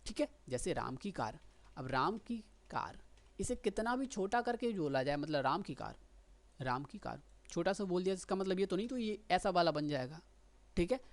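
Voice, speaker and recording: Lower-voiced woman teaching shorthand. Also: animated, fairly quick, darkish tone. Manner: keeps checking in with listeners; explains with patient repetition. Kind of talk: explanatory lesson.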